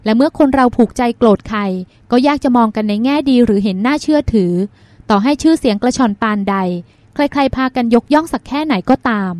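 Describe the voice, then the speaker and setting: A woman narrating a novel as an audiobook in a smooth, even storytelling manner. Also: high-pitched, brisk, no echo. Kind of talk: scripted narration.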